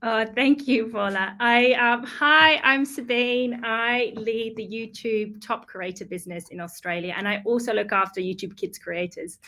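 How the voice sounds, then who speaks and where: A woman's voice: fairly high pitch, steady tone, unhurried, hardly any pauses, bright, forceful tone. A woman from the Netherlands presenting in an online webinar, fluent and friendly with frequent ums. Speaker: YouTube partner manager presenting.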